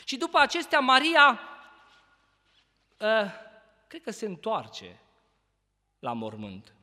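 Male preacher, bright high voice, expository sermon with rhetorical questions, long church-hall reverb. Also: huge pitch swings. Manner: expository preaching, rhetorical questions, loud emphatic peaks then quiet reading.

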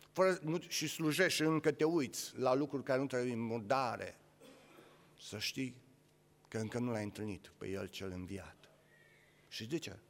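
A man preaching an Easter sermon, repeating his phrases and swinging from loud calls to low, quiet asides. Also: in a large hall.

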